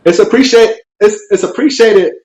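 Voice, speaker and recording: High-voiced man calling in, halting and repetitive. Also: darkish tone. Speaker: caller on a call-in show. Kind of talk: casual unscripted debate.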